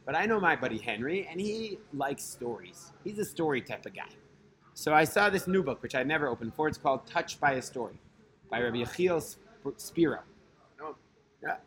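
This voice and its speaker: Casual storytelling man, slightly higher voice. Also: moderate pace. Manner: casual, animated, many fillers and religious terms. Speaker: religious teacher. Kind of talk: personal storytelling talk.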